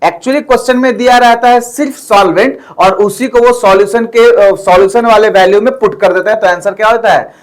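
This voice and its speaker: This male chemistry teacher speaks fairly quickly in a high voice with hardly any pauses. Working through the lesson step by step, he drops in English terms and keeps checking in with his class.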